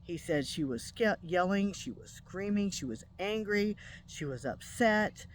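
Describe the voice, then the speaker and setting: A woman's voice: medium pitch, expressive, measured pace, a little hiss or hum. A middle-aged woman speaks straight to her viewers, recounting a personal experience. Her delivery is loose and chatty, with plenty of ums and small restarts. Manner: conversational, with frequent ums and restarts. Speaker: spiritual channel host. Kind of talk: casual personal storytelling.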